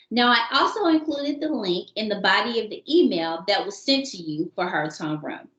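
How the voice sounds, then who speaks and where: A woman's voice: medium pitch, a bit bright, reverberant, highs cut off. A woman hosting a parenting show, giving upbeat, encouraging instructions to parents in a teacherly way. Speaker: host of a parenting show for kindergarten readiness. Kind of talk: scripted instructional talk to parents.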